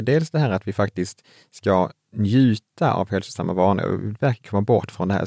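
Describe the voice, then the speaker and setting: Male author guest, deep gravelly warm voice, thoughtful casual podcast talk, dry close mic. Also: no room sound. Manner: relaxed, reflective, with frequent restarts. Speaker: author and health expert guest. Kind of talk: casual conversation.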